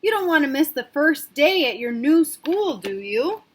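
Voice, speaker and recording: A woman's voice: sits high, very animated, moderate pace, voice pushed up. A woman voicing a coaxing adult in a storybook read-aloud, patient at first and then firm. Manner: soothing, then firm and exasperated.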